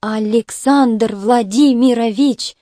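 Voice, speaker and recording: A woman's voice: fairly high pitch, normal speed, no room sound, studio quality, natural voice. A woman reading the lines of a cold, reserved young noblewoman in an audiobook. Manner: restrained, quietly defiant.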